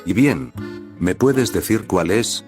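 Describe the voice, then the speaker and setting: A man's voice: sits low, lively intonation, slow, over music. A man voicing a scheming boy putting on fake tears. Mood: sly. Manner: theatrical, mock-tearful. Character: ten-year-old boy, scheming, fakes emotions.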